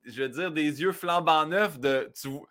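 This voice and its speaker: A man's voice: on the high side, normal speed, sharp tone. Enthusiastic Quebec-accented man in his thirties. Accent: Quebec French. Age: 30s. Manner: enthusiastic, laughs often, affirming. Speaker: podcast host. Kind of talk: casual interview.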